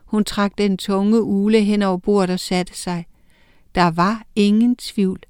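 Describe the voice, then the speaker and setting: A woman reading a children's story aloud in a steady, expressive way. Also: mid-range voice, clean tone, no echo, clean studio sound. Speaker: narrator.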